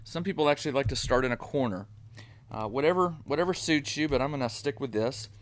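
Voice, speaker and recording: A man's voice: medium pitch, animated, fast, dry recording. A middle-aged man casually narrating a solo tabletop dungeon game, explaining each dice roll step by step in a chatty way. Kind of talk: casual play-through narration. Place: home gaming room with motion sensor lights.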